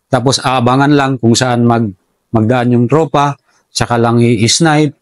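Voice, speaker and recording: A soldier telling how the enemy operated, in a relaxed interview, respectfully calling his listener sir throughout. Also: mid-range voice, measured pace, no echo. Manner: respectful, says "sir" constantly. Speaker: soldier recounting enemy tactics. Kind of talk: casual interview storytelling.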